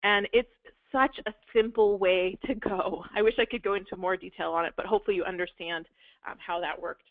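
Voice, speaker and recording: A woman presents a live real estate investing webinar, explaining at length with frequent fillers and restarts as her voice wears thin. She speaks briskly in a steady, mid-range voice, and the audio is dry and phone-like with no echo.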